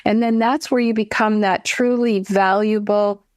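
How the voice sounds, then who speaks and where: A woman being interviewed as a trainer of financial advisors, speaking in a measured, persuasive way and building her points in lists. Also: medium pitch, steady tone, no echo, clean studio sound. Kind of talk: interview conversation.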